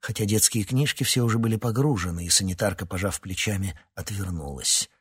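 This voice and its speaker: Raspy low-voiced male narrator. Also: fairly quick. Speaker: audiobook narrator. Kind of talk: literary narration.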